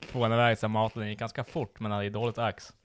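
A young man telling a funny story in casual chat, laughing often and mimicking people in squealing high voices. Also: flat delivery, slight background noise.

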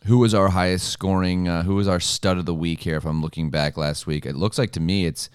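A man's voice: low voice, fairly even intonation, fairly quick, clear, resonant tone, no room sound, studio quality. A man co-hosting a sports podcast, chatting casually and teasing his co-host in an easygoing way.

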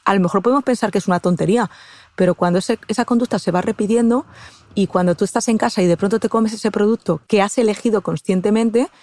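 Guest expert, Spanish woman from La Mancha, mid-pitched, hesitant explainer, dry close mic. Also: fast, darkish tone, no room sound. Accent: Spanish from Castilla-La Mancha. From Castilla-La Mancha, Spain. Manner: explanatory, frequent "eh" fillers and restarts, addresses host directly. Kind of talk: conversational interview.

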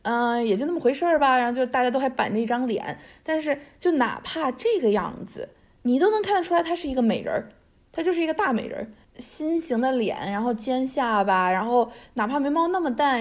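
Woman, higher voice, author guest on an interview; casual storyteller, chatty and colloquial. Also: darkish tone. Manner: chatty, colloquial, often seeking agreement with tag questions. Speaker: author guest discussing their history book.

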